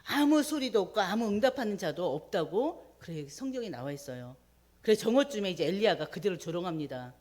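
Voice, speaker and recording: A woman preaching a midweek sermon, retelling a scripture story with animated voices for the quoted prayers. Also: fairly low pitch, a little fast.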